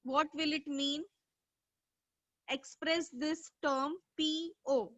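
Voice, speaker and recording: A woman's voice: high-pitched, steady tone, slow, fairly bright tone, no room sound. A woman teaching an online economics class, quizzing students and praising them by name. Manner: asks questions and praises students by name from chat. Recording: dull, dry lo-fi mic.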